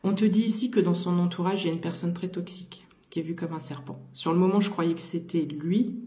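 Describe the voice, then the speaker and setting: A woman's voice: fairly low pitch, fairly even intonation, fairly quick, mellow, reverberant. A woman giving a casual tarot reading to the viewer, talking with many fillers and restarts. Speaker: tarot card reader.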